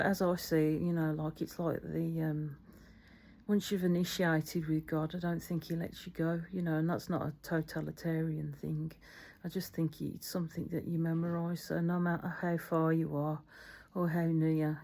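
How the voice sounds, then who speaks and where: A woman's voice: deep voice, creaky, dark tone. A middle-aged woman, talking casually about faith with many fillers and restarts. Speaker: faith vlogger. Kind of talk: casual spoken reflection.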